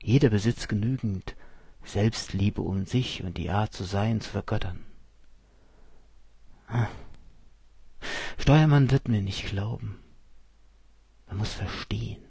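Brief: a male first-person narrator, cold and measured, slow and dry-voiced. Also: lowish voice, creaky, darkish tone, slightly rough, dry recording.

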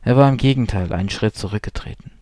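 A man reading a story aloud in a calm, measured audiobook style. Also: on the low side, no echo, clean studio sound. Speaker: narrator.

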